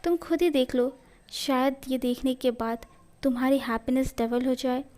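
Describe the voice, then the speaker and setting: A scolding, sarcastic middle-aged mother, as a woman reads her in a fan fiction story. The voice stays high and mellow, close to the reader's own. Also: fairly even intonation, moderate pace, lightly acted. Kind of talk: fan fiction read aloud.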